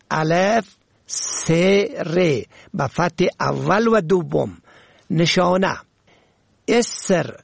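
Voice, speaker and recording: High, gravelly-voiced male language presenter. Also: no echo. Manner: measured, listing words with their pronunciations one by one. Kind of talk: scripted instructional reading.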